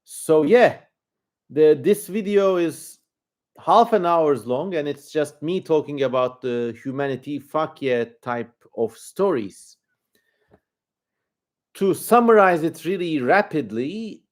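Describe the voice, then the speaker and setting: A man with a Turkish accent hosting a livestream, giving casual commentary in an informal, rambling way as he thinks aloud. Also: fairly high pitch. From Turkey. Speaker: livestream host.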